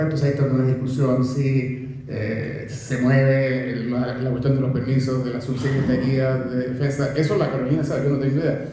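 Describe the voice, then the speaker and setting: An older man with a Chilean accent, a professor giving an animated, conversational talk to an audience, full of rhetorical questions and restarts. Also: medium pitch, slight background noise. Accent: Chilean Spanish. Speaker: professor speaking at a book presentation. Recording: very echoey room.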